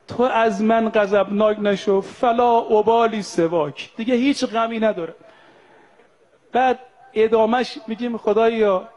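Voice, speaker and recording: High-voiced man preaching a sermon. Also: darkish tone. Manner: slows down to chant Arabic prayers and quotes, then explains them in plain talk; addresses the audience directly, brothers and sisters. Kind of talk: sermon to pilgrims.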